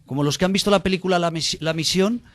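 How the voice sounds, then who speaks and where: A man hosting a radio interview who cuts in to steer the conversation in a lively way. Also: high-pitched, fast, no room sound. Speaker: radio host.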